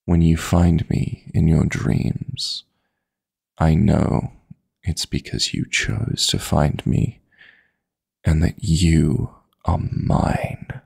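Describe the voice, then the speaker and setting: Speaking in a very deep, gravelly, breathy voice, a man takes on the role of a teasing, possessive demon lover from dreams in intimate sleep-aid roleplay audio. The delivery is flat yet the voice is exaggerated, and he coaxes softly and deliberately.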